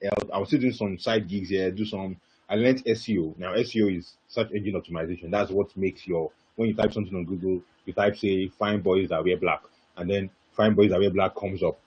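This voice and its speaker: A young man telling his story as a webinar guest speaker, animated and repetitive, bursting into laughter. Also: low voice, fairly quick, slightly rough. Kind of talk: casual webinar talk. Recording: dull lo-fi webinar audio.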